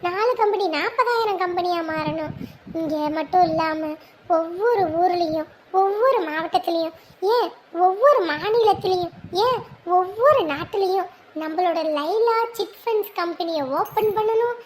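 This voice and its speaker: A doting young wife in a family drama, played by a woman. She speaks tenderly and adoringly in a very high voice. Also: moderate pace, a little hiss or hum. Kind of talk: family web drama acting.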